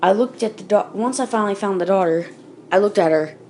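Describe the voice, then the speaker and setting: A woman tells a spooky internet story in a loose, unscripted manner, with fillers and small restarts. Her voice sits in an ordinary middle pitch. A faint hiss runs under the recording. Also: fairly quick, dark tone. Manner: casual, with fillers and self-corrections. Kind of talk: casual spoken creepypasta reading.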